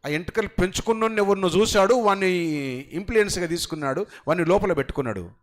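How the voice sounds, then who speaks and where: High-voiced preacher, soft asides, loud emphasis. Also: male voice, lively intonation, fast talker. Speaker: pastor. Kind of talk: sermon.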